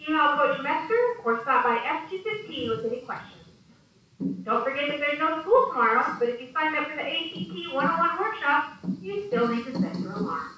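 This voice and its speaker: A high, bright woman's voice reads the school announcements in a steady, scripted way over a PA system. It comes through a distant loudspeaker, echoing around a classroom. The sound is roomy and far off. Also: a little fast. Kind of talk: reading morning school announcements.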